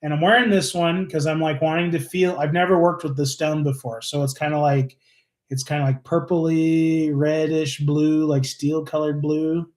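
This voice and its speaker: A man's voice: a little high, little pitch movement, normal speed, a little mellow. A man chatting on a live stream about his craft, telling stories in an earnest, rambling way with lots of fillers and restarts. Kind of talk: casual live-stream chat. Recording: roomy echo.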